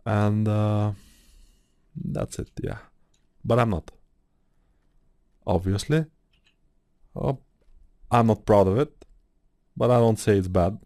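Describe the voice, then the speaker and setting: A man's voice: on the low side, slow, long pauses, dark tone, no room sound, studio quality. A man with an Eastern European accent, chatting in a meandering way while he works through a modeling tutorial, thinking aloud with many fillers. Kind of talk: casual rambling tutorial talk.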